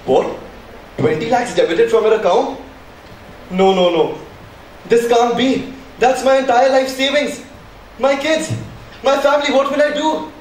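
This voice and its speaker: A man's voice: very high voice, unhurried, pauses often. A man playing an anxious father in a school stage play, with a pleading, despairing manner. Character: worried middle-aged father, distraught. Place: large school hall. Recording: echoey hall from far off, faint noise.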